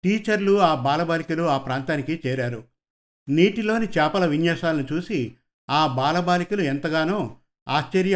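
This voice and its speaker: A man reading a story aloud in a steady, measured way. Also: fairly high pitch. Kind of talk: scripted story narration.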